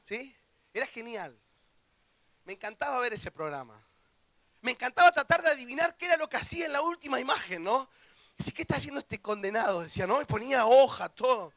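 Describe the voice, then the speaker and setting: High-voiced, lively Rioplatense preacher man. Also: dry recording. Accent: Rioplatense Spanish. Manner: lively, acts out quoted voices, jokes with the audience. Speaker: camp preacher. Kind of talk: youth camp sermon. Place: church hall.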